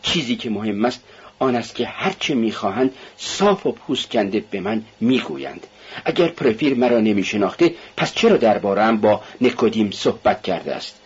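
Husky feverish young guy, suspicious and tense, as a man reads him, dull old radio sound. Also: mid-range voice. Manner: tense, bitter, brooding inner muttering.

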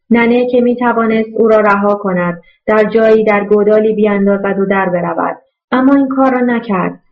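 A woman narrating a novel in a steady, even storytelling voice. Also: on the high side, dull audio. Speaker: audiobook narrator. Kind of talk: scripted narration.

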